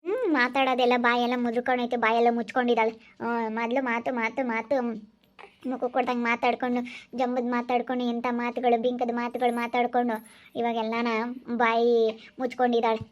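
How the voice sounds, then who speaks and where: A woman playing a brisk, gossipy food-stall keeper in an amateur village skit. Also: a little high, little pitch movement, highs cut off, lightly acted. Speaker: egg-rice stall owner.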